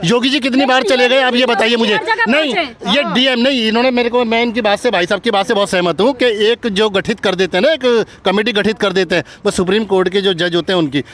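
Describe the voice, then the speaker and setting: A man's voice: high-pitched, fairly bright tone. A man in a heated political debate, arguing hard and firing off rhetorical questions. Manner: argumentative, rapid rhetorical questions. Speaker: debate participant.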